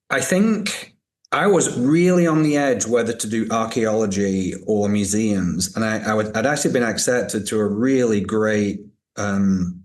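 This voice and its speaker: A man in his fifties speaks in a fairly low voice with a transatlantic accent rooted in Northern England. He talks reflectively in a conversational interview style, often doubling back on his words as he tells personal stories. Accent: Northern English softened by American, transatlantic. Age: 50s. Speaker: podcast guest, museum director.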